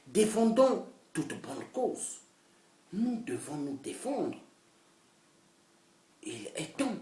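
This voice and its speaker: Speaking to camera, this woman activist launches into a fiery political tirade with a hugely animated pitch, repeating herself and swinging from shouts down to whispers. She sounds distant from the microphone in an echoing room.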